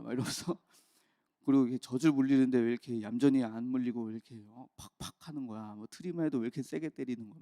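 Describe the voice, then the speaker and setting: Pastor guy in his 30s, soft mellow voice, dry close sound, chatty dawn sermon story. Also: medium pitch, no room sound. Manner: candid storytelling, quick bursts and soft trailing asides. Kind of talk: early-morning sermon with personal story. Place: church.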